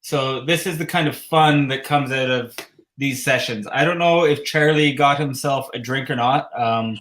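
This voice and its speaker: A man's voice: mid-range voice, normal speed, fairly bright tone. A Canadian man with a slight lisp, hosting a casual livestream chat and rambling with frequent chuckles. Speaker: host.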